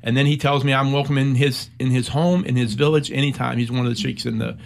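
A creaky, mid-range voice with flat delivery comes from a middle-aged American veteran telling a personal war story. Speaking in an interview, he keeps a measured, reflective pace full of frequent pauses.

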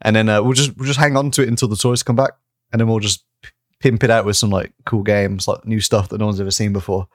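A man with a lowish voice chatting casually as a podcast co-host, rambling through his points with plenty of fillers and easy laughs. He swears now and then. The sound is dry and close. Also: steady tone, quick pace, no room sound. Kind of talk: casual chat.

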